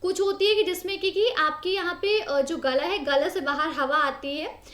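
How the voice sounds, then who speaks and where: Young woman teacher, high-pitched, patient explainer, slightly echoey room. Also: a bit bright. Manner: explains in Hindi, slowly reads English textbook lines; repeats and rephrases, frequent fillers. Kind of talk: exam-prep history lecture.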